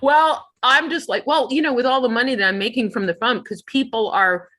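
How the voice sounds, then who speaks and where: A woman's voice: on the high side, brisk, a bit bright. A middle-aged woman musician chatting as a guest in an interview, talkative and laughing often between phrases. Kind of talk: casual interview chat.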